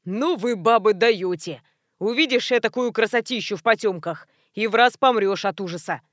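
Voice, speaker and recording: A woman reading an audiobook, voicing a rude, coarse middle-aged man who yells and grumbles at his neighbor. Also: medium pitch, normal speed, no echo, clean studio sound, lightly acted. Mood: grumbling. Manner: shouting, coarse and dismissive.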